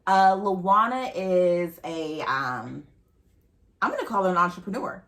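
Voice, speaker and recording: A woman's voice: fairly low pitch, lively intonation, a little slow, a bit bright. A woman hosting a podcast, chatting casually and playfully with a friend. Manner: playful, chatty, laughs easily. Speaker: podcast host. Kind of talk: casual chat.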